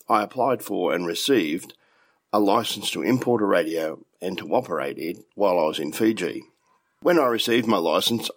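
An older Australian man whose voice sounds nasal and blocked from a cold. His low voice comes across dry and close, with no room around it. He reads his report steadily. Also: no echo. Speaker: radio club official giving a news report. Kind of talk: read news commentary.

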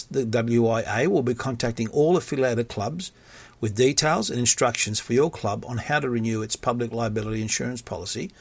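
A man's voice: mid-range voice, no room sound. A man reading a scripted announcement as a club coordinator. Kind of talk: scripted announcement read aloud.

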